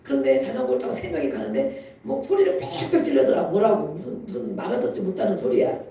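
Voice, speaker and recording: The speaker is a preacher whose medium-pitched, dark voice swoops wildly in pitch at a quick pace, with a little hiss or hum in the audio. It's a chatty, story-driven sermon with lots of laughs that rises to emphatic exhortation. The recording comes from far off in an echoey sanctuary.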